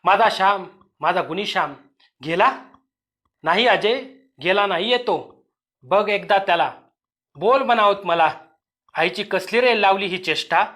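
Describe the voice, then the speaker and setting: A grief-stricken young village mother pleads through tears in a high, raised voice, as a male storyteller voices her. She is an audio-story character, desperate and tender. The voice rises above the narration. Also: normal speed, fairly bright tone.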